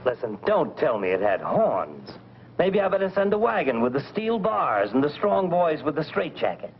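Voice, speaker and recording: Grouchy american news editor, gravelly and highish, sarcastic, old 40s movie with muffled noisy sound. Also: male voice, wildly swooping pitch, normal speed. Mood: sarcastic, exasperated. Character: gruff, sarcastic male newspaper boss, exasperated and skeptical. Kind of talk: 1940s B-movie film acting. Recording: muffled, crackly vintage film soundtrack.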